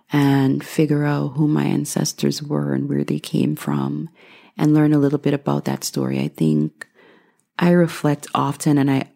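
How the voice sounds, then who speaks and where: Woman in her thirties, low and gravelly, mellow tone, dry humor, casual Q&A vlog. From Guyana. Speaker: vlogger.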